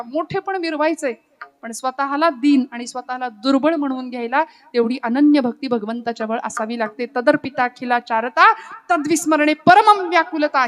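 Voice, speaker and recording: A woman from Maharashtra giving a devotional kirtan sermon, telling stories dramatically and breaking into sung verses. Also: high voice. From Maharashtra, India. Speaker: kirtan preacher.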